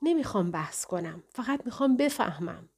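A woman's voice: medium pitch, expressive, darkish tone, breathy edge. A woman reading the part of a frail, confused young woman who has lost her memory, speaking hesitantly and pleadingly in an audiobook.

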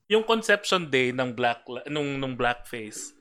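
A man's voice: medium pitch, big pitch swings, a bit bright, smooth. A man with a Filipino accent co-hosting a casual podcast, explaining emphatically and mixing Tagalog and English. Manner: emphatic, quick to object, mixes Tagalog and English. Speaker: podcast co-host.

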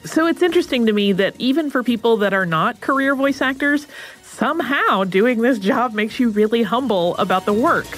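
A podcast host narrating in a measured, scripted way. Her pitch is lively and varied, with faint music behind her. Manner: measured, introduces clips.

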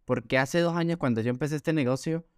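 A man's voice: a little high, quick pace, smooth, dry recording, studio quality. A man from Venezuela with an Andean gocho accent, co-hosting a casual podcast chat in an earnest, explanatory way with many restarts. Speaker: podcast co-host.

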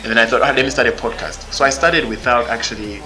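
A Zimbabwean man with a Zimbabwean English accent talks fast in a steady, medium-pitched voice, with crowd noise on a low-quality recording. He's a podcast guest in a candid interview, blunt and outspoken, full of fillers and restarts.

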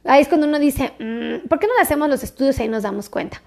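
In this casual direct-to-camera health talk, a female doctor and video creator coaxes her audience along, chatty and repetitive. She speaks high and fast, racing along with lively intonation and a gravelly, darkish timbre.

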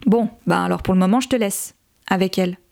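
A coarse middle-aged father full of contempt, voiced by a woman narrating a novel. He speaks bluntly and with false warmth, in a mellow and rather dark voice. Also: mid-range voice, fairly quick, gravelly, close to an everyday voice. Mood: cold.

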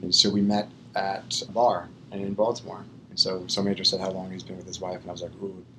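A man's voice: low-pitched, flat delivery, fast talker, pushed and bright, a little hiss or hum. A man from Maryland, an army garrison commander, earnestly explaining points in a roundtable discussion.

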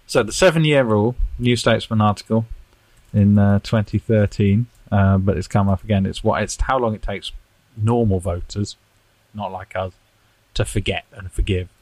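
A man's voice: lowish voice, fairly even intonation, normal speed, darkish tone, dry recording, poor audio. A man co-hosting a podcast, talking in a rambling, self-deprecating way and chuckling often. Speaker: podcast co-host. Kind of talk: casual political chat.

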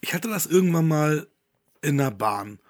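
A man co-hosting a podcast, telling stories in casual chat and doing quick put-on voices, a bit under the weather. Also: fairly high pitch. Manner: animated storytelling with put-on voices. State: coughing, unwell. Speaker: podcast co-host.

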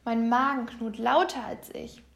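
A woman voicing a hungry, hearty papa bear in a children's storybook, speaking loudly. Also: a little high, steady tone, a little slow, creaky.

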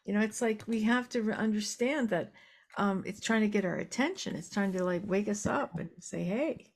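A middle-aged woman, a dream worker co-hosting a podcast, talking in a chatty, animated way. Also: medium pitch, brisk, gravelly. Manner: chatty and animated, laughs easily. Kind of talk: casual podcast conversation.

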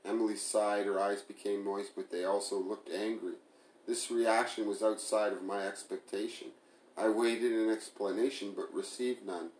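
A man reading a novel aloud in first person, in measured, plain storytelling. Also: fairly low pitch, steady tone, darkish tone, a little hiss or hum. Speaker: audiobook reader. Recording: roomy echo.

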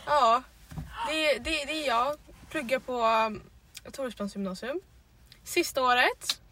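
An eighteen-year-old woman from Sweden bantering as a podcast co-host, playful and quick to laugh. Her voice is notably high. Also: background noise. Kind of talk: casual chat.

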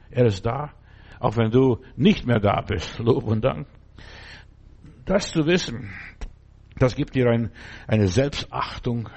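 A man's voice: mid-range voice, a little mellow, slightly rough. Male preacher, mid-range voice, fervent exhorting sermon delivery, direct address, repetitive commands. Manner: speaks straight to the listener with frequent "ja" fillers.

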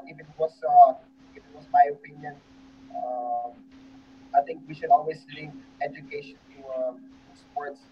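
Dutch-raised coach, halting and filler-heavy, slightly high voice, dull audio. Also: male voice, husky. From Netherlands. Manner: hesitant, many fillers. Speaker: football coach. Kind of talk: online panel answers.

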